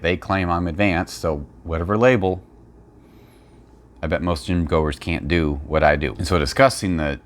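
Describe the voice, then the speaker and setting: A man's voice: low-pitched, a bit bright. A man giving blunt, opinionated, unscripted commentary and explanations as a fitness video creator.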